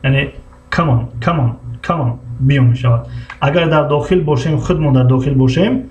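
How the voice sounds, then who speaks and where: A man with a Tajik accent teaching an English lesson, slowly spelling out letters and repeating each word several times for his students. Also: mid-range voice, a little mellow, highs cut off. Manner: slow, repeats words over and over for students. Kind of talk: classroom language lesson.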